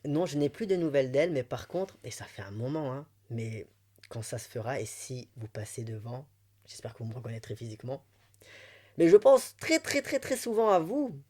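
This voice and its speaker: A man from Belgium with a light Belgian French accent, talking candidly and with emotion as a guest in a personal interview, chatty and quick to laugh. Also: medium pitch, warm tone, husky.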